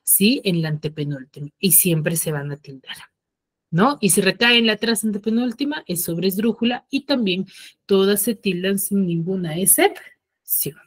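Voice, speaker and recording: A woman's voice: medium pitch, no echo. Woman teaching an online class. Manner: checks understanding with frequent "ya?" and "sí?"; slows down to stress key rules.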